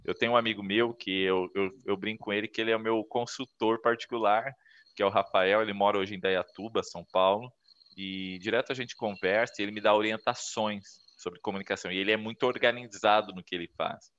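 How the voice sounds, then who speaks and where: Low-voiced man giving speaking tips. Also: steady tone, a little fast, fairly bright tone. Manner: explanatory, acts out quoted voices while telling stories. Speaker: communication coach guest. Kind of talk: interview advice talk. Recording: dull lo-fi sound.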